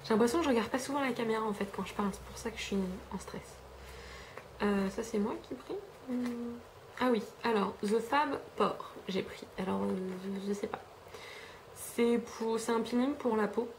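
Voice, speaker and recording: A woman's voice: on the high side, fairly even intonation, normal speed, a little mellow, slight background noise. A young French woman rambling casually through a beauty haul, chatty with lots of fillers and self-corrections, filmed at home on a camera mic. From France. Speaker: beauty vlogger. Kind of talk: casual haul review chat.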